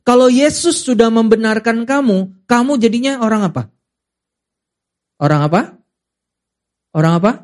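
A young man preaching a sermon, animated and emphatic, leading his audience in call-and-response and dropping to quiet, serious asides. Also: normal speed, long pauses. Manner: animated, rising to high emphatic peaks, then dropping to quiet; calls and response, has the audience repeat lines. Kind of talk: sermon to a youth congregation.

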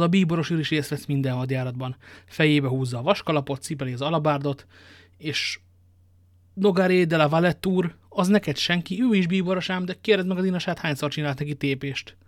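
Brief: a man voicing a dashing young musketeer, playful and quick-witted, in a dry storybook read. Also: on the high side, no echo, close to an everyday voice. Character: young dashing male musketeer, bold and teasing.

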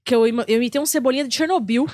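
A woman's voice: a little high, very fast, a little mellow, dry recording, studio quality. A woman comedian, a guest on a podcast, chatting casually and swearing freely.

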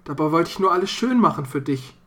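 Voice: medium pitch, animated, fast talker, fairly bright tone, close to an everyday voice. Narrator doing a coaxing young lover. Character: young man, pleading sweetheart with a bad conscience.

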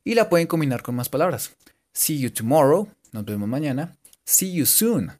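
A man giving a casual, joking English lesson and repeating English words slowly for his students. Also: fairly high pitch, sing-song, darkish tone. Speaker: English teacher. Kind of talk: casual bilingual language lesson.

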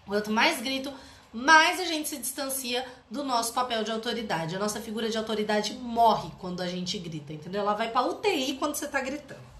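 A woman giving an animated parenting talk to an audience, often tagging her sentences with "né?". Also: a little high, fairly quick. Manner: animated, tags phrases with "né?". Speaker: parenting educator. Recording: roomy echo.

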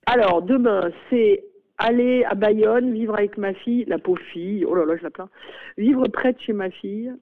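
A middle-aged woman, a school principal, speaks in a radio interview. She hesitates often and drops in lively exclamations. Her voice comes through narrow and phone-like. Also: mid-range voice, moderate pace. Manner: hesitant, many fillers and exclamations.

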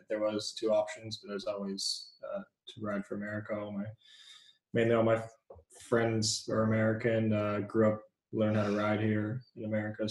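Flat-voiced low man from New Zealand. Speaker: guest. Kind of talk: casual chat. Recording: echoey room.

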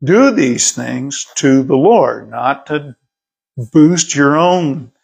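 A man's voice: mid-range voice, lively intonation, drawn-out words, gravelly, husky. A middle-aged male pastor preaching a sermon in a conversational way, often repeating words as he reads and explains scripture.

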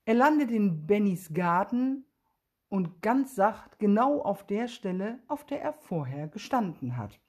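A woman reading a children's story aloud in a gentle, expressive way, with a husky voice. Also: mid-range voice, measured pace.

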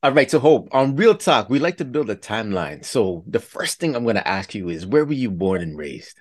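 A man hosting an interview podcast, relaxed and affirming as he asks follow-up questions. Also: fairly low pitch, a little fast. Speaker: podcast host.

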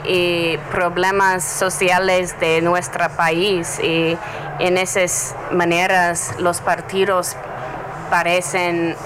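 Halting American woman speaking accented Spanish, slow-paced. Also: little pitch movement. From United States. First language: English. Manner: halting, searching for words in a second language. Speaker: interview guest, journalist. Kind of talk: casual conversation. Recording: noisy, with traffic rumble behind.

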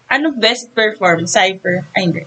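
A young Filipino woman co-hosting a podcast, chatting excitedly and gushing, mixing English into her talk. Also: mid-range voice, moderate pace, poor audio. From Philippines. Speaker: podcast co-host. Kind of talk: casual chat.

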